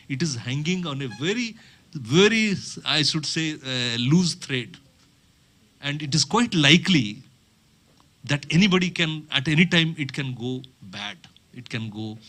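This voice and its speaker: A man giving a public speech at a round table meeting, measured and rhetorical, with pauses and restarts. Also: medium pitch, a bit bright.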